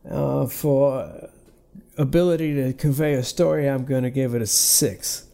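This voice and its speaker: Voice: medium pitch, fairly even intonation, unhurried, gravelly, mellow. A co-host in casual chat, blunt and sardonic, swearing freely. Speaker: podcast co-host.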